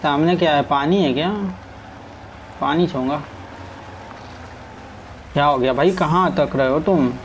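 A man's voice: fairly high pitch, measured pace, pauses often, a little hiss or hum, poor audio. A man giving casual commentary as he plays a game, chatting to his truck and his viewers. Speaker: gaming streamer. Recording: faint game sounds in background.

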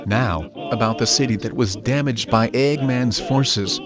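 Guy playing casual rookie animal hero, parody cartoon, average pitch, music behind. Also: a little slow, natural voice. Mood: matter-of-fact.

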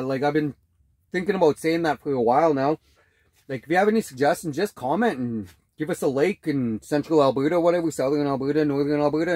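A man's voice: fairly high pitch, darkish tone, no echo, rough recording. A man in his forties, a fishing vlogger, rambling chattily to a phone camera held at arm's length inside an ice fishing tent. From Canada. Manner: rambling, chatty, with frequent fillers and laughs. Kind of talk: casual vlog talk to camera.

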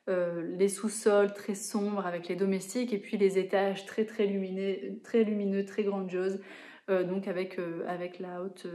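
A woman's voice: mid-range voice, warm tone. A woman in her thirties chatting casually to camera about books in a digressive, self-correcting way, recorded indoors in a living room. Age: 30s. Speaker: book vlogger.

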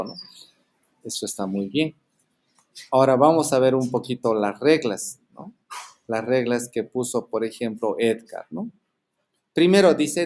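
Male teacher on a video call, mid-pitched, explanatory, leans on tag questions. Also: darkish tone. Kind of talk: online class lecture.

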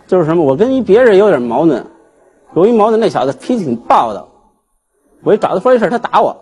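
A man, a guest telling his grievance on a TV talk show in an animated, aggrieved way. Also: sits high, fast talker. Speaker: guest, husband seeking divorce. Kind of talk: emotional storytelling on a TV talk show.

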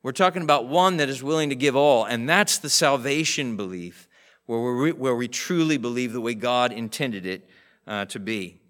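A man's voice: mid-range voice, animated, normal speed, a bit bright. A man preaching a sermon as pastor in a church, earnest, acting out the voices in his stories. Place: church sanctuary. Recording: live church stream, voice drifting off mic.

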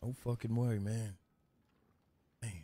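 A man's voice: medium pitch, level tone, slow, dark tone, a little hiss or hum. Brash, swearing man in roleplay. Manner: brash, swearing, calls everyone brother. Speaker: roleplayer and streamer. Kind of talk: in-character roleplay chat.

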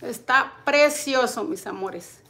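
A woman's voice: fairly high pitch, takes it slowly, sharp tone. Indignant mom vlogger in her forties. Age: 40s. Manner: indignant, rambling, keeps calling viewers "my loves". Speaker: family vlogger. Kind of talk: casual direct-to-camera vlog.

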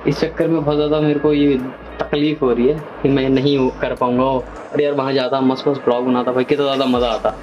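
A man's voice: mid-range voice, flat delivery, fast talker, darkish tone, dull audio, slight background noise. A young man in his twenties chatting playfully to viewers in a casual home vlog, narrating what he is doing and slipping English words into his talk. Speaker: vlogger. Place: family home, indoors. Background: background music.

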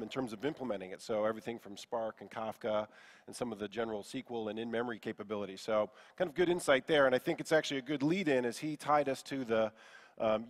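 A man hosting a conference, introducing the next session in a relaxed way with many fillers. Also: medium pitch, in a large hall. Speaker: event host. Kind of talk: introducing speakers on stage. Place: large conference hall stage.

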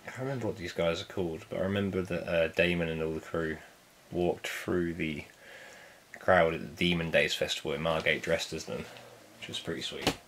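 A man's voice: low-pitched, steady tone, a little fast, a bit bright, slight background noise. A man chatting casually as he unboxes a vinyl set, laid-back and jokey, swearing now and then. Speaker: vinyl collector vlogger.

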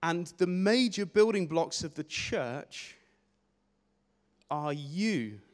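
A young man preaching a sermon on a church stage with a handheld mic, energetic and gesturing, often repeating words as he restarts phrases. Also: a little high, slow pace. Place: church stage in a large hall. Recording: long hall reverb.

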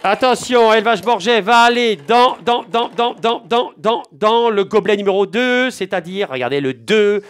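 Guy hamming it up like a game show host, high voice, swears a lot, drags out the suspense. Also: moderate pace, hardly any pauses, clear, resonant tone. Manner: theatrical, joking, swears freely; repeats words for suspense. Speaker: online sailing game league host. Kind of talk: mock game-show council commentary.

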